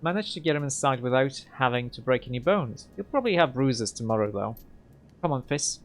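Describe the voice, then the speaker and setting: A man's voice: medium pitch, animated, fairly quick. A man playing through a story game, reading the text aloud and adding casual remarks. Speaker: let's player.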